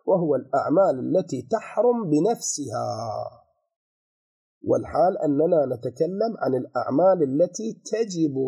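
A middle-aged man, giving a seminary lecture on a legal text and explaining slowly with repeated terms and restarts. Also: high voice, dark tone, husky. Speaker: religious law teacher.

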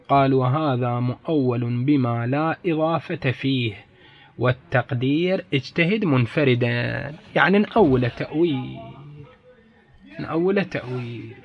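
A man teaches a lesson, his voice sitting at an ordinary middle pitch. He repeats key phrases for emphasis and keeps calling on his listeners to look closely. The recording is dull and lo-fi. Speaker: religious teacher. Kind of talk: classroom lecture on grammar and hadith.

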